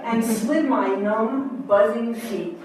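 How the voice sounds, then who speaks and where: A woman's voice: on the high side, slow pace, background noise. Wry woman telling her memoir in a hall. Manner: wry, upbeat, conversational. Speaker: memoir performer. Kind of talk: performing a personal memoir. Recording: echoey room, far-off mic.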